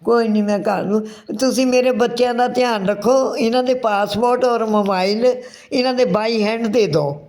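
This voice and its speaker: A woman's voice: on the high side, normal speed, darkish tone. An older woman on a phone call, anxious and reassuring, giving short replies.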